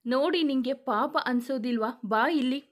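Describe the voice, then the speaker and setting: A woman's voice: high voice, moderate pace, lightly acted. Woman voicing a joking mother-in-law. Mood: teasing. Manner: teasing, humorous. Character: joking warm-hearted middle-aged mother-in-law.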